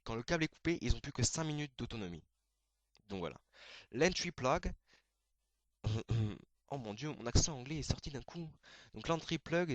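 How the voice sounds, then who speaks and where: A man with a mid-range voice hosts a casual anime video, explaining terms hesitantly with lots of fillers and quick self-corrections. The recording is dry.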